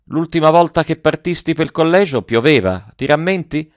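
A man reading aloud and voicing a shy, sweet young girl in a gentle, raised voice. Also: on the high side, animated, normal speed, no echo, highs cut off, pitched above the performer's own voice, natural voice. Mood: wistful.

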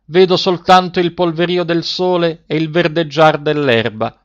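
A man doing Sister Anne, calm and watchful. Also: on the high side, moderate pace, no echo, voice pushed up, lightly acted. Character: young sister keeping watch from a tower, a woman. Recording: dry, slightly muffled recording.

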